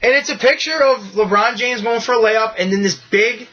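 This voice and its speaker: A man hosting a podcast in casual chat, excitable and rambling, swearing freely with bursts of enthusiasm. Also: extremely high pitch, fairly quick, highs cut off, faint music behind. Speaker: podcast host.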